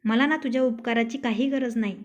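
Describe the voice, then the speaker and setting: A woman's voice: on the high side, fairly quick, natural voice. A woman voicing a rude, arrogant young husband in a storybook tale, speaking in a taunting, scolding way. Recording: dull lo-fi recording.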